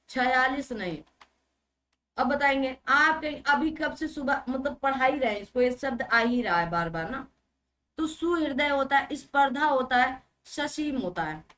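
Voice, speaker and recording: A young woman teacher running an exam-prep grammar lesson, briskly drilling and repeating words and asking rhetorical questions. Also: high voice, fairly bright tone.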